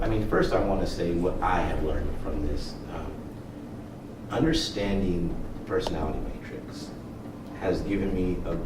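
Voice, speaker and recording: A man co-hosting a podcast in casual, informal talk with some swearing and joking. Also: sits low. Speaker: podcast co-host. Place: library room. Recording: roomy, distant mic with clear noise.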